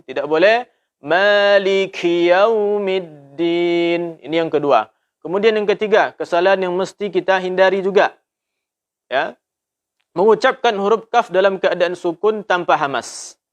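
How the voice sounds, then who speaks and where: An Indonesian man from a boarding school teaching Quran letter pronunciation, patient and repeating sounds slowly. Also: sits high, muffled recording. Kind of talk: tajwid lesson with drawn-out demonstrations.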